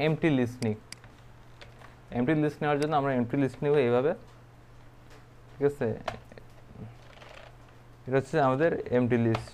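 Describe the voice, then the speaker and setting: A man's voice: mid-range voice, darkish tone. A man giving a casual programming tutorial, thinking aloud with many fillers and checks. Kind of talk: casual screen-recorded coding tutorial.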